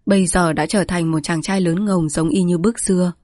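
A woman reading a village story aloud as a steady, measured audiobook narrator. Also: lowish voice, no echo, studio quality.

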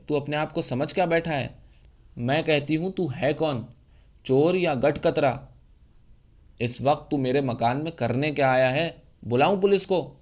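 A man's voice: medium pitch, lightly acted. A man voicing a scornful, fiery young woman. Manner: mocking, cutting, rising to shouts.

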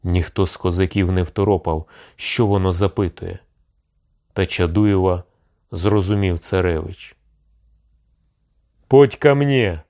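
Slow, low-voiced male audiobook narrator. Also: flat delivery, dark tone. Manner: slow, measured storytelling.

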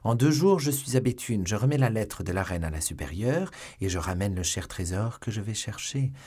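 A man's voice: lowish voice, moderate pace, slightly rough. A man voicing a bold, impetuous young musketeer in an audiobook, speaking with lifted energy. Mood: confident. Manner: lively, impetuous.

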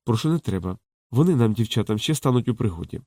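A man reading a calm, knowing courtesan in a soft, low and hushed voice. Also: fast, dry recording, studio quality. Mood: teasing. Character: frank, teasing courtesan woman, calm and knowing.

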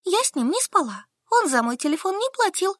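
A woman's voice: very high voice, very animated, fairly quick, fairly bright tone, dry recording, studio quality, voice pushed up, full character voice. A woman voicing a squeamish, easily panicked young female teacher who squeals and pleads, in an audiobook. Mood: panicky. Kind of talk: audiobook character voice.

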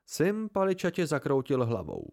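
A man's voice: a little high, huge pitch swings, vocal fry, a little mellow. A man reading a novel aloud as an amateur audiobook narrator, giving the characters small shifts of voice. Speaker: audiobook reader.

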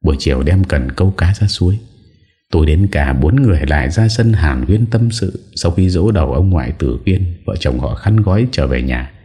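A man reading a story aloud as an audiobook narrator, with calm, even storytelling. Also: low voice, moderate pace.

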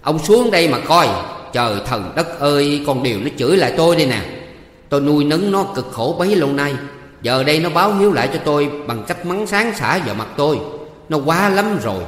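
A man voicing a bossy, quick-tempered middle-aged village wife who scolds and shouts threats. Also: mid-range voice, natural voice. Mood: wailing. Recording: echoey room with long reverb.

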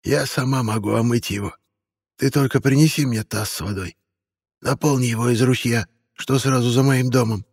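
A man voicing an old woman herbalist in an audiobook, fretful and fussing, talking slowly and softly. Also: mid-range voice, husky, no room sound, studio quality, big-room sound, pitched above the performer's own voice. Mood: instructing. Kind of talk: audiobook character voice.

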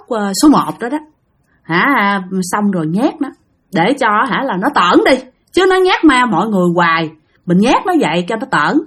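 A woman's voice: medium pitch, husky. A woman casually telling a ghost story, chatting straight to her listeners.

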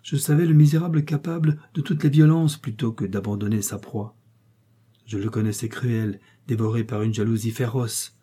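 A man's voice: mid-range voice, warm tone, husky. A man reading a novel aloud in the first person, with dramatic, emotional delivery. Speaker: audiobook reader.

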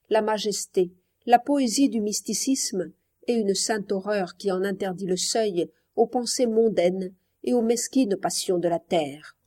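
Female audiobook narrator; mellow, measured, solemn literary reading. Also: medium pitch. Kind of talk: scripted narration.

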